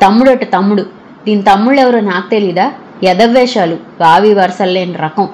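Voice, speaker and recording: A sneering, spiteful middle-aged husband, read by a woman storyteller, drawling his insults slowly with contempt. The voice stays near the narrator's own, with light faint noise underneath. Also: medium pitch, darkish tone, lightly acted, rough recording.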